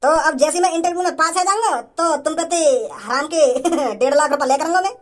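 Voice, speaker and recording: A woman's voice: high-pitched, moderate pace, natural voice. A woman voicing a boastful rustic male village thug in a cartoon, stammering and chuckling. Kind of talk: cartoon voice acting.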